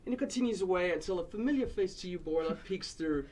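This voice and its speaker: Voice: mid-range voice, animated, quick pace, darkish tone, low-quality recording. A game master narrating scenes of a tabletop game in a casual, descriptive way with fillers.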